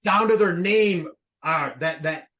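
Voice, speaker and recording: A man's voice: high voice, takes it slowly, fairly bright tone. A man hosting a live online workshop, upbeat and playful, quizzing his audience over a video call. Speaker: workshop host.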